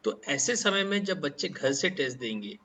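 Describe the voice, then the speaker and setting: A man's voice: on the high side, big pitch swings, normal speed, pushed and bright, slight background noise. A man hosting an interview, asking his guest questions politely and calling him sir. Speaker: host.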